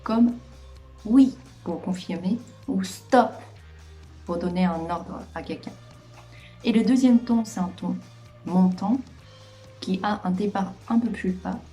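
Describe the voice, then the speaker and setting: A woman teaches in a calm, clear way and lingers over each example sound. Her voice is mellow and relaxed. Soft background music runs beneath the lesson. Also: medium pitch. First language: Mandarin Chinese. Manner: clear, patient explaining with drawn-out example syllables. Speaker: Chinese language teacher. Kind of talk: video lesson.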